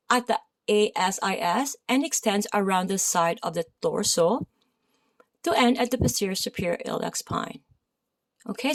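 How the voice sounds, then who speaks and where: A woman with a Filipino accent teaching a massage therapy lesson, reading from a textbook with loud and soft stretches and chatty asides full of fillers. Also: mid-range voice. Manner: reads aloud, then adds loose asides with many fillers; loud reading voice that rises and drops.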